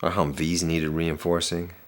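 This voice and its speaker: An actor playing a soldier with a dark sense of humor, bitter and profane. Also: male voice, sits low, completely flat delivery, a little slow. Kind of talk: dramatic monologue.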